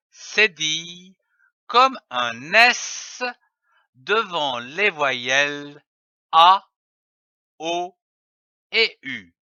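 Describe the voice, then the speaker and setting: Guy teaching kids to read, super slow, sounds out every syllable, bright clear voice, dull dry recording. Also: high-pitched, no echo. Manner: spells out letters and syllables with careful over-articulation. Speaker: reading teacher. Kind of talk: slow didactic phonics lesson.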